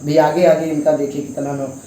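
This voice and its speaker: A man's voice: fairly high pitch, flat delivery, normal speed, warm tone. Echoey young man speaking out. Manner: emphatic, rhetorical questions. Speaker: student speaking out. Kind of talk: impassioned interview answers. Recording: very echoey with faint noise.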